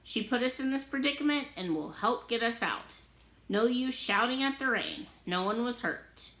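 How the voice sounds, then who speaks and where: A woman's voice: a little high, expressive, moderate pace, a bit bright, pitched above the performer's own voice. A woman voicing a cheerful, easygoing old fisherman who laughs easily, in a roomy-sounding recording. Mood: reassuring. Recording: roomy echo.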